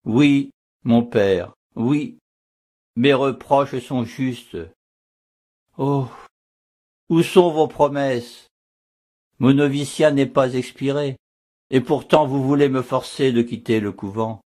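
A man's voice: mid-range voice, slow pace, pauses often, a little mellow. A man reading a reproachful young woman disguised as a novice in an audiobook. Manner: pleading, reproachful.

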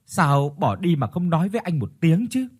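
A man's voice: on the high side, big pitch swings, moderate pace, slightly rough, voice pushed up. A man voicing a heartbroken, polite young village man in a ghost story. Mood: sad.

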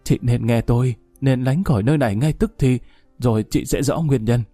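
A man's voice: mid-range voice, normal speed, mellow, no room sound, faint music behind, lightly acted. A male narrator voicing an older man who urges a widow to flee, speaking urgently and pleadingly.

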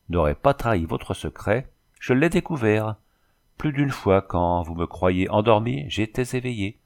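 A man reading the lines of a wounded young French engineer, emphatic and lifted in pitch. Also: creaky, darkish tone. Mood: impassioned.

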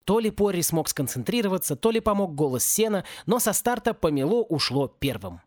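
A man's voice: sits high, sing-song, a little fast, a little mellow, dry recording. Male audiobook reader, dry and close. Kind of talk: audiobook narration.

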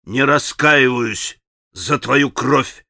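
A man's voice: fairly high pitch, expressive, unhurried, pushed and bright, no room sound, clean studio sound. A man reading an audiobook voices a violent, passionate young man who speaks heatedly and emphatically. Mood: bitter.

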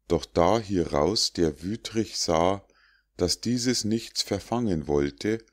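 A man narrating an audiobook of rhymed fables in a measured, rhythmic reading. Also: low-pitched.

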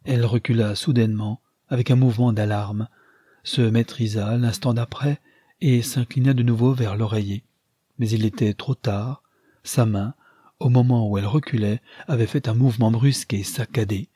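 A man narrating a classic novel in a measured, even audiobook reading. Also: mid-range voice, slightly rough, no room sound, clean studio sound.

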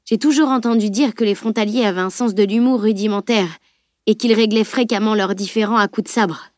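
A woman's voice: mid-range voice, steady tone, a little fast, a little mellow, no echo, clean studio sound, natural voice. A woman reading aloud and voicing a boastful, vain male knight who grumbles when offended. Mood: explaining.

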